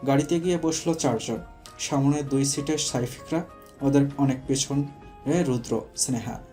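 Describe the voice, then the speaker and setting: A man narrating a romantic audio story in a steady storytelling manner. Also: mid-range voice, unhurried, soft background music.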